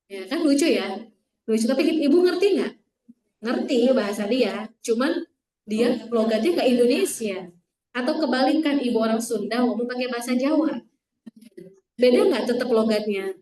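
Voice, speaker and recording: A woman with a fairly high voice leads a tajwid lesson, repeating letter sounds for her students and quizzing them. She sounds distant from the mic, and the room gives her voice a strong echo. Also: a little mellow. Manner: repeats letter sounds to demonstrate, asks the class questions. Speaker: Quran recitation teacher. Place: classroom with some students online.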